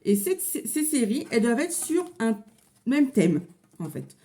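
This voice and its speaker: A woman with a mellow, slightly high voice and a French accent chats through a craft tutorial. She talks casually, with plenty of fillers, recorded in a home office. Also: big pitch swings, a little slow. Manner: chatty, with frequent fillers. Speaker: crafting vlogger.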